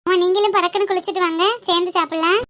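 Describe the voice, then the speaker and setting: A woman voicing a homely middle-aged mother in a family cartoon, giving calm, matter-of-fact advice. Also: extremely high pitch, very fast. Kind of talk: cartoon voice acting.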